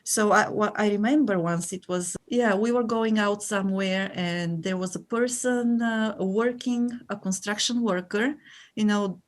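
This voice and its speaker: A woman's voice: medium pitch, unhurried. Woman, thoughtful guest. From Bulgaria. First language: Bulgarian. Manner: thoughtful, searches for words and restarts phrases. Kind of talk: conversational interview answers.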